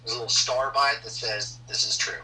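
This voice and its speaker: A man's voice: medium pitch, fairly even intonation, quick pace, crowd noise. A man hosting the conversation, asking long, rambling questions with many restarts. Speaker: podcast host. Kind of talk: casual interview questions. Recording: distant mic with faint noise.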